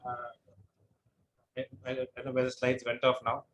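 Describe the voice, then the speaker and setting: This middle-aged man speaks at normal speed in a mid-range, monotone, slightly bright voice while lecturing online. He drones as he patiently responds to questions and explains each step, with occasional repetition and a faint hiss or hum.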